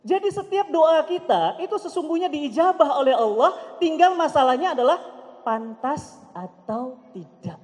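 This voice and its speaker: A male Islamic preacher from Medan, telling a personal story in a sermon and acting out the dialogue with big swings in loudness. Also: very high-pitched, expressive, moderate pace. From Medan, Indonesia. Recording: echoey hall.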